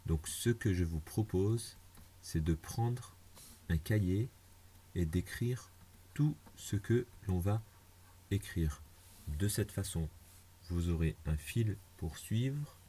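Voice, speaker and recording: A man's voice: sits low, warm tone, slight background noise. A man teaching a beginners' language lesson, patiently walking through each step and repeating it plainly. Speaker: Arabic teacher.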